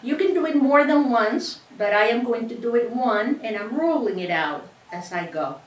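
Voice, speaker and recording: A middle-aged woman with a Cuban accent teaches a hands-on sewing class, chatting through each step and often restarting her sentences. Her voice is on the high side, expressive, at normal speed, recorded from a distance in an echoey room with faint ambience.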